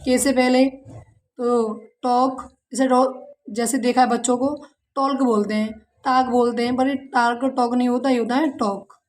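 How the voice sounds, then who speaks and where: A woman with a high voice and an Indian accent teaching a patient English lesson. She spells words out letter by letter, quizzes her pupils and answers for them. She calls them "beta" like a mother. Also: little pitch movement, measured pace, a little mellow. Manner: spells words letter by letter and asks the students questions. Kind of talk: classroom-style language lesson.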